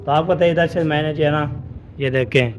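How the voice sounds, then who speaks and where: A man's voice: fairly high pitch, steady tone, moderate pace, slight background noise. Rambling man filming outdoors on a phone. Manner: rambling, repeats filler phrases. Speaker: vlogger. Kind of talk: casual family vlog to camera. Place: outdoors in hot village fields. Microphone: phone camera held while walking.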